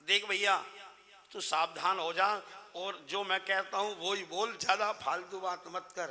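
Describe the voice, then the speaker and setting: A preacher voicing a short-tempered village priest. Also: male voice, high voice, fairly even intonation, sharp tone, in a large hall, exaggerated voice. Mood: stern. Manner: instructive, quick to anger. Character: irritable village priest man.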